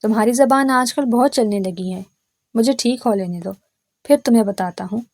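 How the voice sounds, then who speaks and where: A stern, brooding young man speaks curtly and scolds in a storybook tale, voiced by a woman narrator. The voice stays fairly high with little change for the role. It is recorded close and dry. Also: a little mellow, no echo. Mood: irritable.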